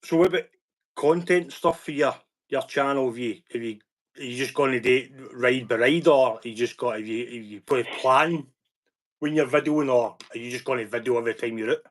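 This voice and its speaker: A man's voice: medium pitch, fairly quick. Chatty Glaswegian man. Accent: Glaswegian Scottish. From Scotland. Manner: chatty, loose, stop-start with repeats. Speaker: channel host. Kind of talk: casual live-stream chat.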